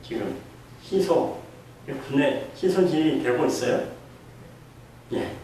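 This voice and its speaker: A man's voice: fairly high pitch, animated, slow, mellow. A man delivers a sermon as a pastor, questioning his listeners and acting out the voices he quotes. He stands some way from the microphone, and his words ring through a strongly echoing hall with a faint hum of room noise underneath. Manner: asks the congregation questions and acts out quoted voices. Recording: echoey room heard from a distance.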